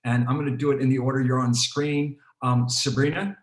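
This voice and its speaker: A man's voice: mid-range voice, fairly quick. A man hosts an online panel as a program director. He talks loosely, with many fillers and restarts. His video call audio sounds roomy and echoey. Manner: relaxed, with frequent fillers and restarts. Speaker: program director hosting a webinar.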